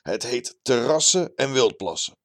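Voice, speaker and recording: A man voicing a boastful, jolly male café regular who exclaims loudly in a high voice. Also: expressive, a little slow.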